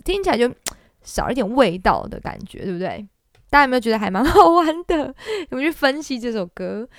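A podcast host with a fairly high voice runs a casual singing lesson, playful and chatty, laughing often and demonstrating as she goes. The studio-quality recording has no room sound.

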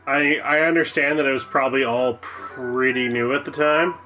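A man's voice: medium pitch, steady tone, normal speed, music in the background, low-quality recording. Laughing, swearing man in banter. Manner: laughing, profane, off-the-cuff. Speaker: player commenting on the game. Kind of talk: casual comedic banter.

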